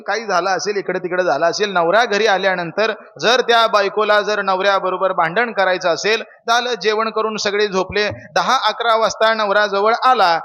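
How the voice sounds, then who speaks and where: High, bright young kirtan preacher. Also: male voice, long reverb tail. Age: young adult. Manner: questions the audience, preachy storytelling. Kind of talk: Marathi kirtan sermon.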